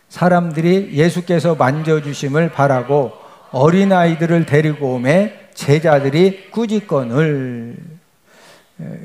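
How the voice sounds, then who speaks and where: A man's voice: fairly high pitch, darkish tone. A male pastor preaching a sermon, often asking the congregation questions and answering them himself, with frequent emphatic checks to the listeners.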